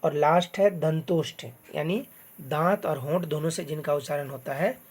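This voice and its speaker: A teacher giving a slow step-by-step lesson, naming sounds one by one in a patient manner, recorded on a phone screen recorder. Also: mid-range voice. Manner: spells out letters one by one, patient. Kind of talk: slow step-by-step classroom explanation.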